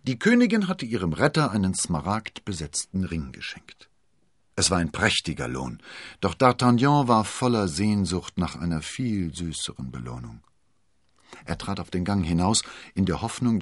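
Male audiobook narrator, deep and husky, expressive storytelling. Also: moderate pace, no echo, clean studio sound.

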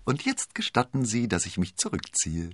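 A man voicing a proud queen in a high, mocking falsetto. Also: huge pitch swings, normal speed, dry recording.

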